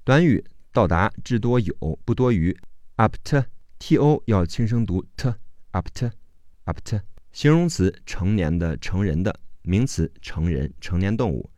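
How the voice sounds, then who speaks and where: A man's voice: lowish voice, very animated, unhurried, darkish tone, dry recording. A man teaching English vocabulary, spelling each word out letter by letter in a methodical lesson.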